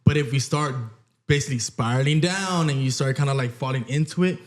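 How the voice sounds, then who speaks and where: A man's voice: mid-range voice, fairly quick. A young man co-hosting a podcast, explaining ideas reflectively and often checking in with "right?". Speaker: podcast co-host. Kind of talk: casual chat.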